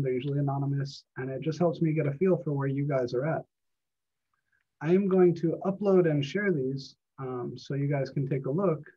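Husky-voiced man lecturing over a video call. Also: fairly high pitch. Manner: relaxed, encouraging, with frequent fillers. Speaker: college math instructor. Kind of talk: live online lecture. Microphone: computer mic on a video call. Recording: dull lo-fi video call audio.

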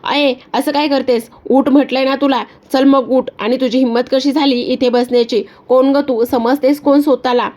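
A woman's voice: high voice, steady tone, normal speed, hardly any pauses, natural voice. Woman reading as a scolding daughter-in-law. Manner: scolding, sharp. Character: stern young daughter-in-law guarding home.

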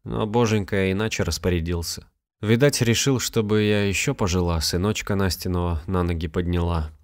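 A man's voice: sits low, fairly even intonation, moderate pace. A man voicing a weary, plain-spoken old village grandmother in a storybook reading, with a raised, rustic, sighing delivery.

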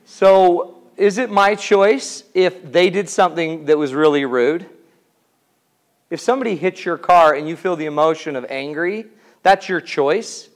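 A man in his forties, a relationship class teacher, gives a comedic lecture in a slightly high, unhurried voice. He's jokey and theatrical and often asks the audience questions.

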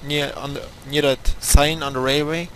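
A man leading his team in casual gaming voice chat, calling out directions with halting restarts. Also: fairly high pitch, level tone, over a noisy crowd, poor audio. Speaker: gamer leading team as boss.

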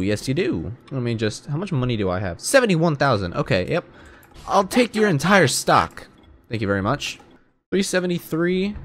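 A young man commentating as he plays a video game, rambling to himself and exclaiming in jittery bursts. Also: mid-range voice. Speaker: gamer. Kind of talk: let's play commentary.

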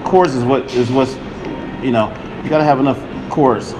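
At a moderate pace and mid-range pitch, a man in his forties rambles amiably through his streaming gear for a vlog, repeating explanations. Noisy coffee shop ambience surrounds the nighttime recording, made with a camera-mounted mic held by hand and then set on a tripod.

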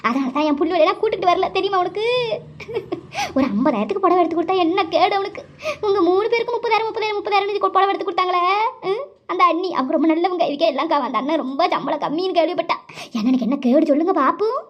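A woman's voice: extremely high pitch, rapid-fire, voice pushed up. A woman voicing an aggrieved younger sister who complains plaintively in a cartoon. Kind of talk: cartoon voice acting. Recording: dull lo-fi recording.

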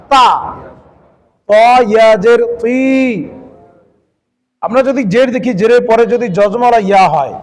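A man with a notably high voice teaches Quran reading basics, patiently spelling out letters and marks. He repeats each rule and quizzes his listeners. His voice carries a long, hall-like reverb. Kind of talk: step-by-step recitation lesson.

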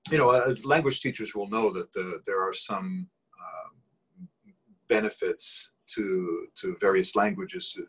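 The guest is a man in his forties, born in Brazil with Portuguese as his first language, joining a video call interview via webcam from a small room at home. He sounds low, a bit bright, and breathy, speaking at a measured pace with thoughtful restarts and repeated words. Audio quality is poor.

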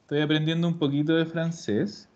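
A man's voice: a little high, flat delivery, fairly quick, darkish tone, dull audio. A man teaching an online language class, explaining grammar patiently with frequent restarts. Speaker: Italian teacher.

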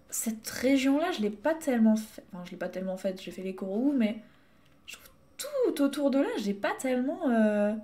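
A woman's voice: high-pitched, a little mellow. A young woman streaming a game live, chatting casually, laughing and thanking her viewers. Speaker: Twitch streamer. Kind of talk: casual live gameplay chat.

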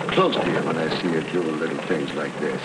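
A man playing an earnest, gentle railroad boss, heard on an early 1930s talkie film soundtrack. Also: very deep voice, brisk. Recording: hissy old film soundtrack.

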